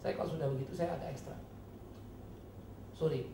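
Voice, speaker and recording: Fired-up pastor guy preaching, loud then low, mocking bits, echoey church hall with faint room noise. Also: a little fast, vocal fry. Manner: animated, mocking, swings from loud outbursts to low earnest tones. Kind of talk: sermon.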